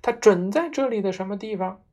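A woman voicing a clever, bold little girl who hushes and shouts in turns. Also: sits low, lively intonation, normal speed. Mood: scheming. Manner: hushed at times, then boldly shouting.

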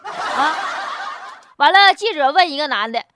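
A woman's voice: high-pitched, expressive, a little slow, pushed and bright, no room sound, studio quality. A woman with a Northeastern Chinese accent giving casual, humorous news commentary in a blunt, mocking, colloquial way full of rhetorical questions. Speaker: host.

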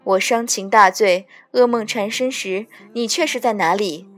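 A woman voicing a proud, wounded goddess, sharp and scornful. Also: on the high side, normal speed, close to an everyday voice.

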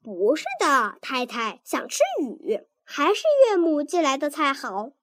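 A woman's voice: sits high, expressive, measured pace, fairly bright tone, no echo, clean studio sound. A woman voicing a blunt, playful young husband in a storybook reading.

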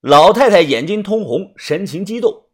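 A man's voice: high voice, lively intonation, normal speed, breathy edge. A man narrating a first-person audiobook story in a chatty way, padding phrases with little fillers.

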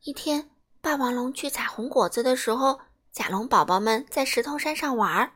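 A woman's voice: sits high, moderate pace, breathy edge. A woman reading a children's picture book aloud as storyteller, acting out the animals. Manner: animated, acts out each animal.

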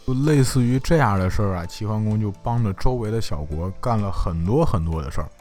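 Lively joking male history storyteller. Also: lowish voice, a little fast, soft background music.

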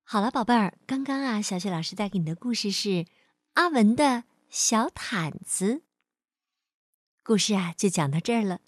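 A woman reading a bedtime storybook to children in a gentle, sing-song way. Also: medium pitch, animated, moderate pace, dry recording, clean studio sound.

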